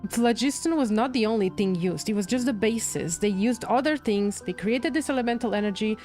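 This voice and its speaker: A woman livestreamer offers casual commentary on a game's story, thinking aloud, repeating herself and musing as she reacts over the game music. Her voice is on the high side with a darkish tone, lively intonation and a fairly quick pace.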